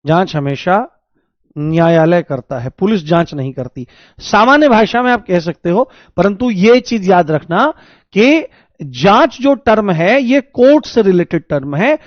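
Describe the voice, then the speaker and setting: A man's voice: high-pitched, no echo, dull audio. A man giving an exam coaching lecture on law, repeating key terms over and over and joking with his students. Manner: repetitive, drills terms, jokes with students. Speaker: law teacher.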